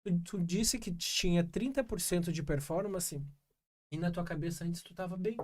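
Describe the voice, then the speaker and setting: A man's voice: high-pitched, moderate pace, darkish tone, slight background noise. A man hosting a casual podcast conversation, affirming his guests and speaking hesitantly with many fillers. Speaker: podcast host.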